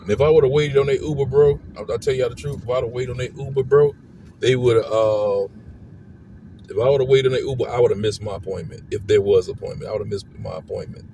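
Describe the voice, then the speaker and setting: A man's voice: medium pitch, fairly even intonation, fairly quick, warm tone. A man who is unwell vents heatedly on a car ride home, repeating himself as he talks to his viewers. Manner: heated, repetitive, keeps asking "you know what I'm saying". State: unwell, congested. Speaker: family vlogger. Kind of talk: ranting car-ride vlog. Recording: car road noise behind the voice.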